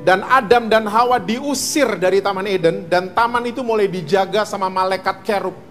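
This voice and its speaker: A man's voice: high-pitched, moderate pace, a bit bright, big-room sound, faint music behind. A male pastor preaching a sermon, mixing in English words and asking his listeners questions. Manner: mixes English words, asks the congregation questions. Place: church hall.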